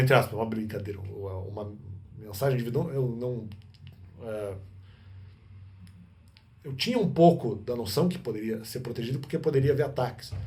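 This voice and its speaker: Fast-talking man rambling. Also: medium pitch, darkish tone. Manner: rambling, many restarts and self-corrections. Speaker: vlogger. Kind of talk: unscripted monologue.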